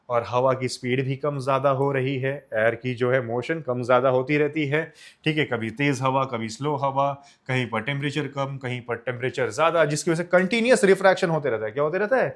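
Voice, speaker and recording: A young man from India with a medium-pitched, fairly quick and slightly bright voice gives an exam-focused science lecture. He mixes Hindi and English, asks questions and answers them himself, and calls his students children.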